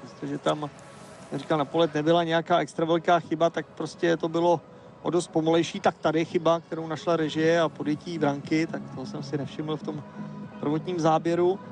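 A man giving live, measured ski race commentary, analytical and hesitating now and then. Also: a little high, little pitch movement, a little mellow, faint music behind.

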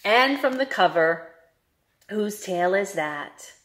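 With a mid-range voice, a young woman reads to children at story time, unhurried and taking her time. As a children's librarian she keeps it animated, sing-song and questioning.

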